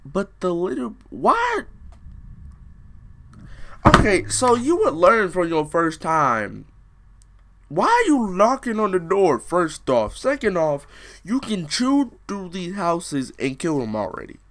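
With huge pitch swings in his high-pitched, slightly bright voice, a young man reads a fairy tale slowly into a webcam in a small room. He interrupts himself with slangy jokes and riffs as asides.

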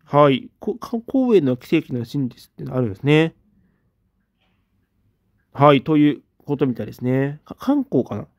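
A man in a casual livestream, reading out viewer comments and giving short, relaxed replies. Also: fairly high pitch, moderate pace, long pauses, no room sound, muffled recording. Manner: relaxed, reads comments aloud with brief replies.

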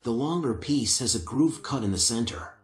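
An older man explains each step of assembling a wooden piece in a calm, methodical way. His voice sits in a middle register and carries a noticeable room echo from the workshop around him. He speaks on a lapel mic. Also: medium pitch, moderate pace. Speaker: woodworking instructor. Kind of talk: step-by-step craft instruction. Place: indoor woodworking workshop.

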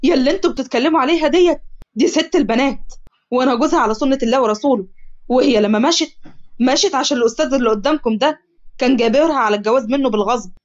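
A woman with an Egyptian accent voicing an indignant young husband who loudly defends his wife. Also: high voice, racing, muffled recording, lightly acted. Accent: Egyptian Arabic. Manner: loud, indignant preaching.

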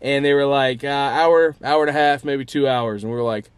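Young man, casual vlog chatter, upbeat, filler-heavy, mid-pitched. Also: fairly even intonation, normal speed, clean tone. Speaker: vlogger. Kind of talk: casual vlog talk to camera.

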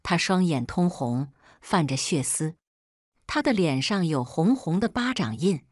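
Woman storyteller, steady scripted read, lowish and dry. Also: unhurried, dry recording. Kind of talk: first-person scripted story narration.

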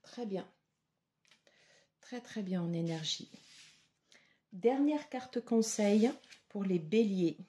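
A woman giving a tarot reading to her viewers, slow and hesitant with many fillers. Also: medium pitch, lively intonation, warm tone. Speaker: tarot reader.

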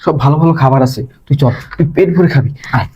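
A man playing a fast-talking, coaxing schemer. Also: mid-range voice, animated, muffled recording, lightly acted. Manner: coaxing, insistent and hushed. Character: scheming young man luring a madwoman.

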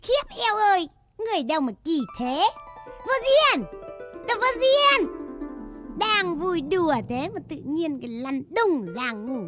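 A naive, lovestruck village girl with a Northern Vietnamese accent coos and exclaims in a coy, gushing way. Her voice sits high. Music plays under the stage comedy sketch. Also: very animated, unhurried, exaggerated voice. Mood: fawning. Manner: giggly, coy, exclaiming, sings sweetly. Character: Thị Nở, naive lovestruck young village woman.

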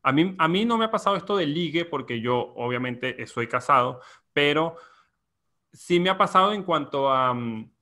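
Venezuelan guy hosting a chat, bright forceful tone, rambles thoughtfully w fillers. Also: a little high, animated, normal speed. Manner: reflective, explains at length with many fillers. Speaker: podcast host. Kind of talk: casual chat.

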